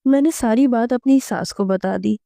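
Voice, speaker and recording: A woman narrating a romantic audio novel in the first person, in a steady, even storytelling manner. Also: a little high, gravelly, no room sound, studio quality.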